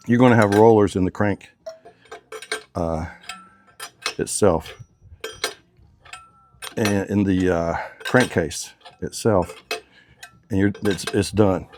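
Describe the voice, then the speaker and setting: A man's voice: lowish voice, fairly even intonation, takes it slowly, long pauses, background noise. A man working as a motorcycle mechanic who talks through a hands-on workshop demonstration in casual, drawling shop talk with slang.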